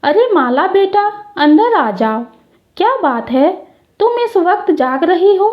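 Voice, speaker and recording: A woman voicing a kind, widowed father-in-law who speaks softly and affectionately. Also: very high-pitched, sing-song, slow, highs cut off, heavily acted. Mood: gentle, reassuring. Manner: soft, affectionate, reassuring.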